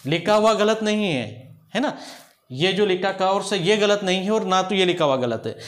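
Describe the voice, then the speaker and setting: A man with a high voice teaches a grammar lesson in a patient, explanatory way. He stops often to ask whether his students are following. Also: expressive, normal speed. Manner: explanatory, asks checking questions often.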